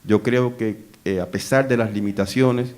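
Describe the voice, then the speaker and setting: A man with a Cuban Caribbean Spanish accent gives a public speech on policy, speaking in an emphatic, deliberate manner. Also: lowish voice, steady tone, darkish tone. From Cuba. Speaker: conference speaker, economic researcher.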